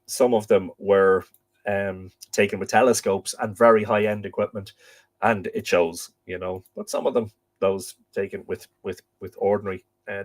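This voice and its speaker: This is a middle-aged man from Ireland whose voice is hoarse from a chest infection. He's the casual, rambling host of a live stream, restarting often and leaning on fillers, and he speaks somewhat low.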